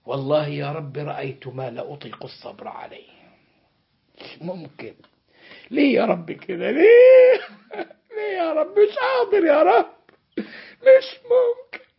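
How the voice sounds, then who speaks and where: A man crying out as a desperate, gravelly soul begging for paradise. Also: normal speed, long pauses, lo-fi sound. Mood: anguished pleading. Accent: Egyptian Arabic. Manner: pleading, sobbing, swings to high excited cries.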